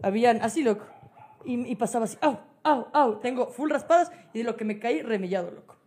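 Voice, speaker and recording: High-pitched Ecuadorian woman podcast host, lively swearing storyteller, casual talk. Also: fast talker. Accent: Ecuadorian Spanish. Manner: animated, swearing, laughing storyteller.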